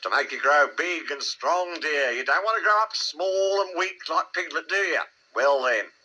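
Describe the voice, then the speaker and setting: A brisk motherly kangaroo from a storybook, played by a man. The voice is raised and bright, moving freely in pitch, fussy and coaxing with a firm streak. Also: animated, exaggerated voice, low-quality recording. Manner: fussy, coaxing, mildly severe.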